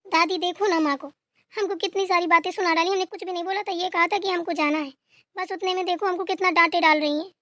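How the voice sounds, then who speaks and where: A woman's voice: very high-pitched, steady tone, quick pace, pushed and bright, no echo, studio quality. A woman voicing a sulky young daughter in a cartoon who complains to her grandmother about her mother. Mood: whining. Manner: whiny, complaining.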